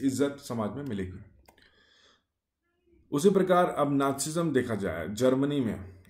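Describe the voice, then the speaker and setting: This man's mid-range voice has a slightly mellow quality as he delivers a laid-back explainer monologue for YouTube. He uses short clauses, lots of fillers, and rhetorical questions, and the room echoes.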